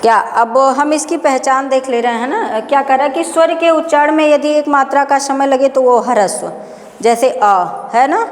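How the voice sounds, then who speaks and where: A high-pitched woman lectures on grammar for exam students, posing questions to the class and answering them herself. She stretches out example sounds in a slow chant. Her voice rings in a roomy space with a long, lingering reverb. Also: slight background noise. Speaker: Sanskrit grammar teacher. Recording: echoey room with long reverb.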